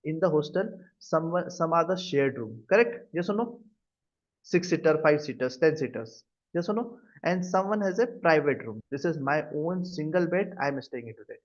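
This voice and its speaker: High-pitched Indian-accented man teaching, dull audio. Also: lively intonation, normal speed. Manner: repeatedly checks understanding with short tag questions. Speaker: cloud computing instructor. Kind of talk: live online class lecture. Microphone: video call. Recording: dull, lo-fi video-call audio.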